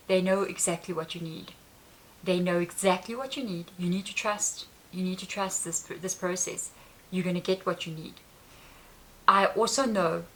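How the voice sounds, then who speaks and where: A woman's voice: on the low side, a bit bright, rough recording. A woman earnestly telling a personal story to camera in a rambling, repetitive way. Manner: earnest, rambling, repeats herself. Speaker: spiritual vlogger.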